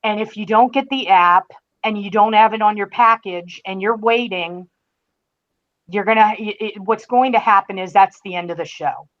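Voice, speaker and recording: Explaining things with emphasis, a woman guest critic on a casual podcast draws out her stressed phrases. She has a medium-pitched voice at normal speed, heard over dull, lo-fi call audio.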